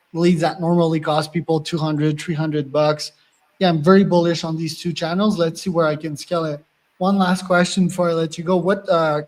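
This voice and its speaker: A man hosting a podcast interview, asking direct questions in casual chat with frequent fillers. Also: a little high. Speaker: podcast host.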